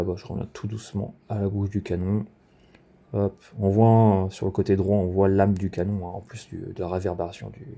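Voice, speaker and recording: A man's voice: lowish voice, warm tone. A man presenting his rifle in a casual video commentary, rambling with many fillers and self-corrections.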